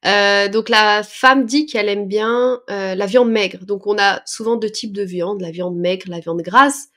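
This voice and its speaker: A woman with a steady, bright and forceful mid-range voice teaches a French lesson. She patiently breaks down words and expressions step by step, slowly and with small hesitations and fillers.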